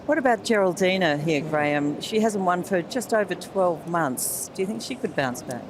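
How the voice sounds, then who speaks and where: Woman doing paddock report at the races, bit low pitched, noisy outside. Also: animated, moderate pace. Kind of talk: live pre-race discussion.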